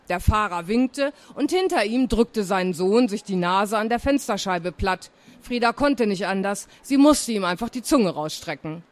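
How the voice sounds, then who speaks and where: A woman author talking about her books in a chatty way and reading a story aloud to young listeners. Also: mid-range voice. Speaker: children's book author.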